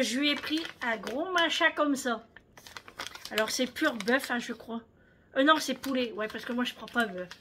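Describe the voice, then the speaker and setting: A woman's voice: fairly high pitch, noisy background. A middle-aged woman chatting casually at home in a vlog, rambling with lots of fillers as she shows what she bought. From France. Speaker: vlogger. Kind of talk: casual haul vlog chat.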